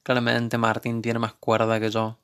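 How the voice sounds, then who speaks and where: Argentine male reviewer with a gravelly voice, recapping episodes in a wry, joking tone. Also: mid-range voice, monotone, normal speed, fairly bright tone. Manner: sarcastic, joking asides. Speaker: TV series reviewer. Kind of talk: casual recap commentary.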